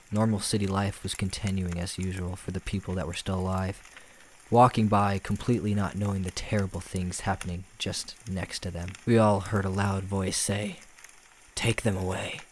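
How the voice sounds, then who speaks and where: A man narrating a scripted first-person horror story in a steady, somber way. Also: low-pitched, slight background noise.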